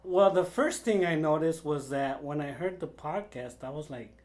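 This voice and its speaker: A man's voice: fairly high pitch, normal speed, darkish tone. A man co-hosting a casual podcast, joking and earnest, dropping in Spanish exclamations. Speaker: podcast co-host.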